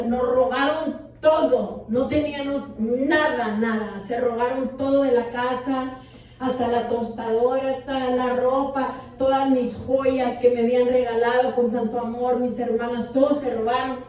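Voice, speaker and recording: High-voiced woman pastor, echoey and distant. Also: dark tone. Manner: impassioned, repeats words for emphasis. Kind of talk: testimony sermon. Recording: echoey hall from far off.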